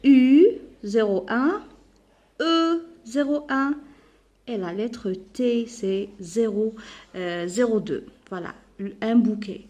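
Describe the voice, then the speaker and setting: An Algerian woman teaching young children, her voice sitting a little high. She spells out words patiently and slowly, poses questions to the class, and answers them herself. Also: mellow. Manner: slow, careful spelling-out of words, asking pupils and answering herself. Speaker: primary school teacher. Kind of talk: French lesson for children, mixing Algerian Arabic.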